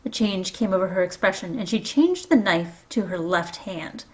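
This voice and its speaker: A woman reading a children's novel aloud, expressive and lively. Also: mid-range voice, normal speed, low-quality recording. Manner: expressive, does voices for characters. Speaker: storybook reader.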